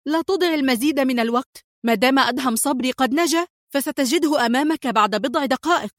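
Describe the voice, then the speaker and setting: A woman voicing a fierce, scheming female accomplice in a spy audiobook, speaking in a shrill, angry manner. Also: fast talker, no echo, clean studio sound, natural voice.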